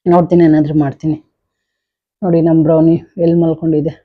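A woman's voice: low voice, flat delivery, fast, phone-quality sound. A young woman, chatting casually to her viewers while doing chores and cooking in her home kitchen. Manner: chatty, talks straight to viewers. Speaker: vlogger. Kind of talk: casual home vlog narration.

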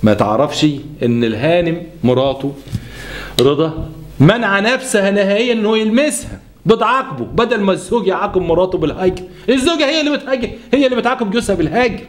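Fast-talking Egyptian male storyteller. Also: high voice. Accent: Egyptian Arabic. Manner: lively, moralizing, acts out each person. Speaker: host. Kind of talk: storytelling monologue on family issues.

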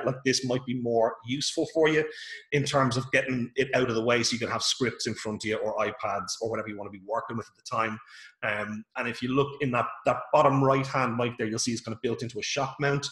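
An Irish man presents a workshop over a video call, casual and chatty, often restarting his sentences. His voice sits at an ordinary middle pitch. The room around him sounds roomy and echoey. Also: a bit bright. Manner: chatty and informal, many fillers and restarts. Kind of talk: casual online workshop talk. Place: home room.

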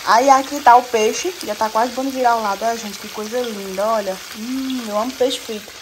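A woman's voice: a little high, steady tone, a little fast, background noise. Chatty young woman cooking at home. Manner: chatty, addresses viewers as "gente". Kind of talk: casual cooking vlog. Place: home kitchen, indoors. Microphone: phone held at arm's length.

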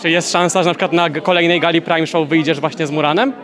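Young male sports interviewer, quick and high-pitched, probing questions at a crowded event. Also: fairly even intonation. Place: busy event press wall, indoors. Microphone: handheld mic. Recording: loud crowd chatter behind.

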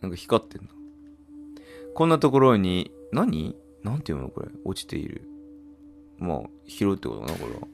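Guy doing a lets play, kinda low voice, swings up and down a lot, game music behind him. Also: huge pitch swings, normal speed, gravelly, long pauses. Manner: reacts aloud and questions the screen to viewers. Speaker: gamer playing and commentating. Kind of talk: casual game commentary, reading dialogue aloud.

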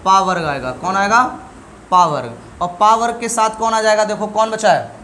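A middle-aged man with a high, bright voice gives a classroom lesson at a moderate pace, his tone forceful. He drills sounds and poses questions that he answers himself, over a faint hiss or hum.

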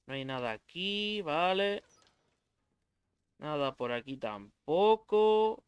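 A man's voice: a little high, animated, slow pace, smooth, no room sound, muffled recording. A young man with a Spain Spanish accent doing let's play commentary on a horror game, swearing freely and yelping in fright. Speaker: gaming YouTuber.

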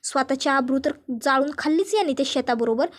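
Angry scolding middle-aged mother in a TV serial recap, read by a woman narrator; loud and high-pitched. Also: a little fast, lightly acted. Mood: ranting.

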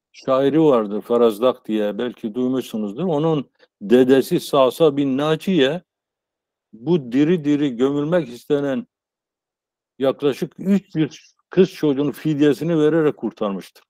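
A man in his sixties giving an informal academic lecture as a professor, explaining haltingly on a video call. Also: mid-range voice, dark tone, no room sound. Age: 60s. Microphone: earphone headset on a video call.

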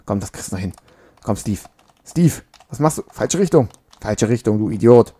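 At home on a makeshift mic setup, a let's play gamer gives casual, joking commentary as he plays a video game, scolding his character now and then. His low-leaning voice is mellow and husky, with lively intonation at a normal speed.

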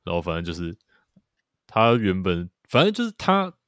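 This low-pitched male podcast co-host swings his pitch hugely while talking at a moderate pace. He casually discusses a TV series in a loose, rambling way with many fillers and repeated agreement. The recording is dry, with clean studio sound.

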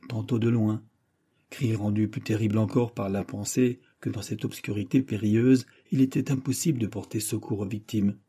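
A male audiobook narrator reads a classic novel in a measured, dramatic way. His voice is very dark and mellow, with a husky edge. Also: on the low side. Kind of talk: scripted narration.

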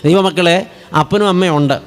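A man's voice: high-pitched, a little fast. A man preaching a sermon as a story, turning to the congregation with rhetorical asides.

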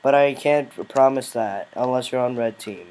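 A man's voice: medium pitch, normal speed, darkish tone. A male gaming host giving casual commentary on a game with friends, teasing and bossy, often breaking into laughs.

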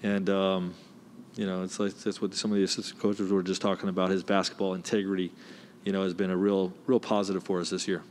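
Man, 40s, head coach at a postgame presser; low voice, measured and filler-heavy, faint background noise. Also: level tone, darkish tone. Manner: measured, many "you know" fillers. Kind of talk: postgame press conference answers. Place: indoor press room. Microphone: desk mic, close.

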